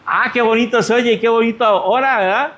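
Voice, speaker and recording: High-voiced Mexican pastor preaching. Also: male voice, normal speed, a bit bright, lo-fi sound. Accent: Mexican Spanish. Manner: conversational preaching with rhetorical questions. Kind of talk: sermon.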